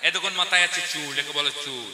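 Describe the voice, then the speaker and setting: A man's voice: a little high, fast talker, sharp tone, pitched below the performer's own voice. A man voicing a cheeky, clever schoolboy who never holds his tongue, in pert, eager answers. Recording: echoey hall.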